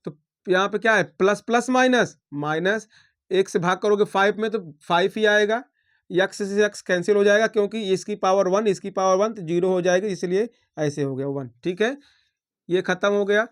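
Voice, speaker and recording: A man's voice: sits high, moderate pace. A man teaching a maths lesson, talking through each step aloud and checking in with his students.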